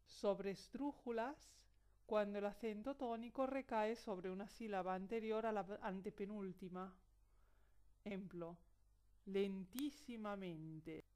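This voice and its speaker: A woman hosting a scripted grammar lesson as a teacher, reading slowly and carefully and spelling out example words. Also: medium pitch, fairly even intonation, a little mellow. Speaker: Spanish teacher.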